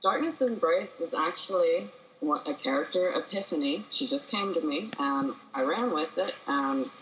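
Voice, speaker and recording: A woman's voice: fairly low pitch, animated, moderate pace, a little hiss or hum, rough recording. A woman author, a guest on a podcast, chatting casually from home and laughing as she rambles through her explanations. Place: home room with cats and girlfriend.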